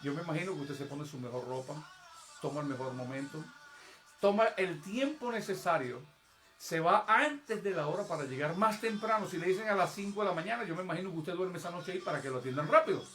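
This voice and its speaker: A man's voice: fairly high pitch, expressive, quick pace, sharp tone, soft background music. A man preaching an evangelical sermon in a church service. He speaks emphatically to the congregation and acts out prayers and pleas in a raised voice. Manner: emphatic, addresses the congregation directly.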